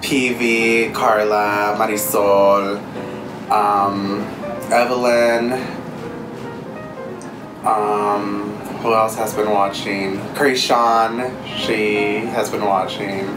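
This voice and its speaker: A man's voice: on the low side, level tone, very slow. A young man chatting casually as he hosts a meal video, chewing while talking. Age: young adult. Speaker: vlogger, mukbang host. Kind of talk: casual chat over a meal. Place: living room, indoors. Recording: roomy echo, music behind.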